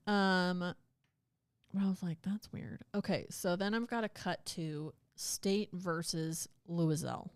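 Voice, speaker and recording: A woman's voice: fairly low pitch, fairly even intonation, slow, clean tone, dry recording, studio quality. A woman co-hosting a podcast, chatting casually and retelling a legal case in plain words. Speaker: podcast co-host. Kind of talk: casual chat.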